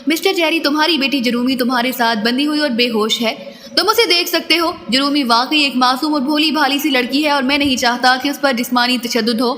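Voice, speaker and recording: A woman's voice: sits high, brisk, fairly bright tone. A woman reading as an icy, menacing male agent. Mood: threatening. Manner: icy and threatening. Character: cold, menacing male intelligence major. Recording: long reverberant echo.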